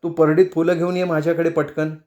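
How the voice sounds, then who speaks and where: A man's voice: on the high side, level tone, fairly quick, warm tone, voice pushed up, natural voice. A man reading the lines of a bold, wary middle-aged woman in a storybook, with a slightly raised voice. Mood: brisk.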